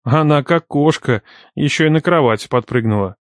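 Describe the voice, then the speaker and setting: A man's voice: on the high side, moderate pace, no echo, clean studio sound. Playful young man reading an audiobook. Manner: playful, teasing and ironic. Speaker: audiobook narrator. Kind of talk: first-person audiobook narration.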